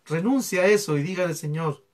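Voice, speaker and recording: A man's voice: sits high, brisk. A man preaching a sermon as pastor, often adding rhetorical tags and building to fervent passages.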